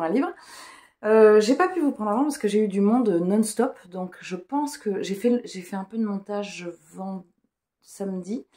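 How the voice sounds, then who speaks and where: A woman vlogger chats casually in a mid-range, darkish voice. Her talk is informal, rambling and hesitant as she thinks aloud.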